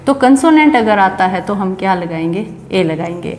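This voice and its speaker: A woman teaches an English grammar lesson step by step, posing questions and answering them herself. Her mid-range voice is expressive and darkish, at a moderate pace, recorded in an echoey room with long reverb and slight background noise.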